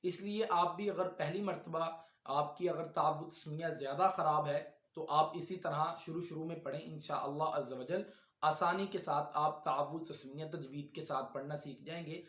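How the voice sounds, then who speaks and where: A man with an Urdu accent teaching Quran recitation. His voice is high and bright. He explains mistakes briskly, then draws each verse out in a slow chant, and the room rings with echo. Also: steady tone.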